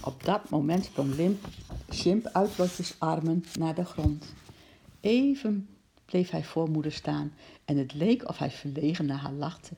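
A woman reading a children's book aloud in a steady, warm storytelling manner. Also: deep voice, unhurried, a little hiss or hum.

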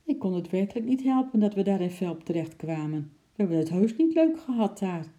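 A woman's voice: medium pitch, expressive, fairly quick, dark tone, voice pushed up, lightly acted. A woman voicing a clever, sheepish young male monkey in a storybook reading, speaking earnestly and apologetically. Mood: apologetic.

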